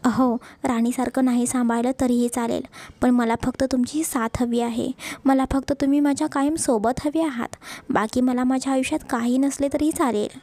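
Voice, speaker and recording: Bashful young wife, voiced by a woman, gentle scolding, high mellow tone, dry recording. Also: steady tone, moderate pace, no room sound. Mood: loving. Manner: coaxing, mildly scolding.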